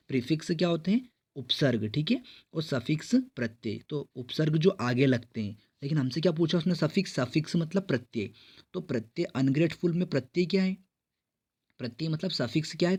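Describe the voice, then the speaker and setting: A man's voice: on the high side, a little mellow. A man teaching an exam-prep grammar lesson, explaining step by step and asking and answering his own questions. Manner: reads English quiz sentences slowly and clearly.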